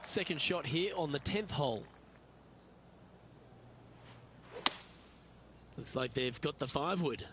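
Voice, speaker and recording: A man acting as a television golf commentator for a video game, with a fairly high male voice. He gives measured, short play-by-play calls over clearly audible outdoor background noise. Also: lively intonation, crowd noise, natural voice. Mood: composed, observant.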